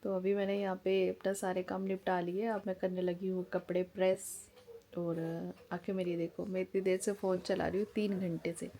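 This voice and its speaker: Speaking at a normal speed in a lowish, dark voice with little pitch movement, a woman in her forties from India talks frankly and chattily to camera at home for her family vlog.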